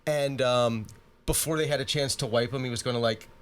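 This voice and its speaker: Male podcast co-host, mid-pitched, chatty and filler-heavy. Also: steady tone, fairly quick, clean tone. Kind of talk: casual chat.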